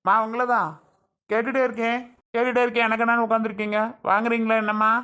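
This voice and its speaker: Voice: medium pitch, flat delivery, quick pace, pushed and bright, clean tone, natural voice. A performer playing a pushy street snack vendor hawking his wares with repetitive calls.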